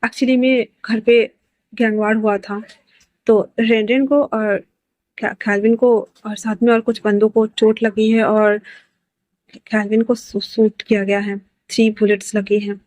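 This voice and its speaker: A steady, protective man, as a woman storyteller puts him on, speaking in a soft, low-key way to calm the people around him. The voice sits close to the mic, with a dry sound. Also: measured pace, dry recording, close to an everyday voice. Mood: explaining.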